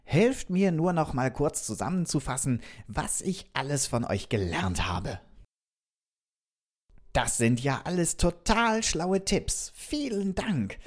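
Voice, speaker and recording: A man voicing a friendly, curious robot from another planet, telling a children's story and asking the kids questions. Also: mid-range voice. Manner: lively, talks directly to the kids with questions.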